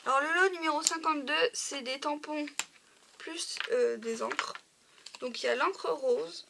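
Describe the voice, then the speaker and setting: Woman, fairly high voice, gravelly fry, chatty show-and-tell, noisy home recording with crinkling packets. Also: unhurried. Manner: chatty, often says "euh" and "voilà". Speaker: craft supply seller. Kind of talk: casual show-and-tell video. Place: home craft room.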